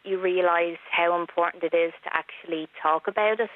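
Soft-spoken woman on a landline. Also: on the low side, fairly even intonation, a little fast, a little hiss or hum. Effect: landline phone line. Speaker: caller. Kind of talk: radio phone-in conversation. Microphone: cordless house phone. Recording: tinny landline phone line.

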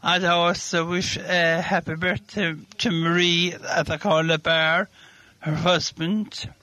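Interviewee: cheerful, slow-talking Irish man on an old archive recording, halting, quick to laugh. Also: fairly high pitch, level tone, bright, forceful tone, no echo. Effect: old archive recording from 1985.

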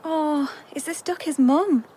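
A woman as a gentle young mum. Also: sits high, a little slow. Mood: concerned. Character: calm young mother of a child.

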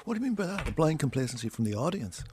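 An Irish man with a husky voice hosting an interview in an informal, probing, rambling style. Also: a little high, big pitch swings, very fast, a little mellow, slight background noise. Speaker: radio interview host. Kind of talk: casual chat interview.

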